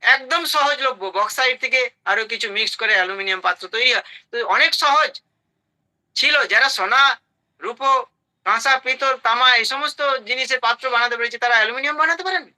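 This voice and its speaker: A man's voice: extremely high pitch, quick pace, sharp tone, rough recording. A man giving a health talk to an audience, emphatic, listing items in short bursts and asking rhetorical questions. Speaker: health speaker.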